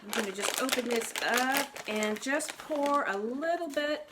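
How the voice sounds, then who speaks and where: Over very noisy audio, a woman with a high-pitched, unhurried voice brings a picture book to life for young kids, posing questions to them and exclaiming as the story unfolds.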